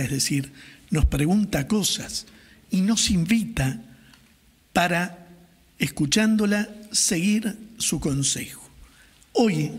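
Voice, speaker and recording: A middle-aged man, a priest, reads the Gospel and preaches a homily in a calm, measured way from a lectern microphone in a small chapel. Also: a little high, husky. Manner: calm, measured liturgical delivery. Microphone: gooseneck microphone on the lectern. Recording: reverberant chapel sound.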